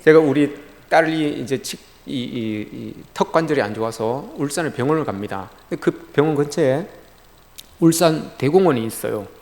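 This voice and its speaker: Delivering a sermon in a church sanctuary, this middle-aged pastor speaks at a moderate pace in a slightly high, darkish voice with lively intonation. He preaches through conversational storytelling, often turning to address the congregation, and a long reverb fills the hall.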